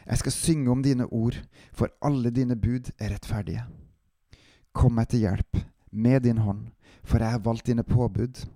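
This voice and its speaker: Dark, dry-voiced man reading scripture. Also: mid-range voice, dry recording. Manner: calm, steady scripture reading. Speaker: devotional podcast host. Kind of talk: Bible reading and devotional.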